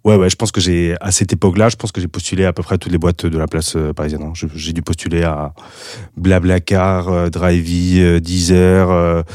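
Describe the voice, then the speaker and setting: His voice is deep and darkish with a flat delivery and a slightly fast pace: a man from Spain in his thirties, a guest discussing his career in French as a second language with a light Spanish accent. He restarts and uses fillers a lot in this casual, echo-free, studio-quality interview.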